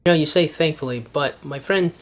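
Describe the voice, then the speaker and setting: A man's voice: on the high side, brisk. Man giving casual video commentary. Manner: conversational, lecturing, addresses her as "my friend".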